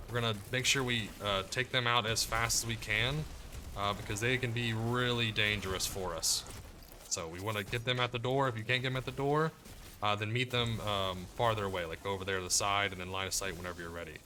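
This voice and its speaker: A man giving casual commentary as he plays through a video game guide, relaxed and explaining as he goes. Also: on the low side, brisk, slight background noise. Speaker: gaming guide creator. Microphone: desk mic, muted to cough.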